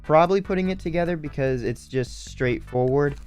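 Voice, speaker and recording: A man's voice: on the high side, fairly quick, darkish tone, clear, resonant tone. Sniffly young man rambling casually over music. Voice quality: sniffly nose. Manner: rambling, thinking aloud. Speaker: video host building Lego. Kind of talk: casual hobby vlog commentary.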